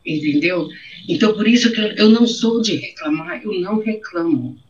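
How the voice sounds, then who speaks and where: In a medium-pitched voice at normal speed, a middle-aged woman with a Brazilian accent tells her story in an interview. Emotion runs through her words, and she repeats her phrases. The audio is dull and muffled.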